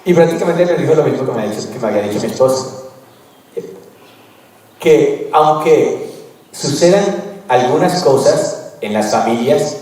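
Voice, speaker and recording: A man's voice: medium pitch, animated, moderate pace, pauses often, mellow. A man giving a spiritual retreat talk, telling his stories in a candid, conversational way. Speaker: retreat speaker. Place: large retreat hall. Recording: echoey hall, voice far from mic.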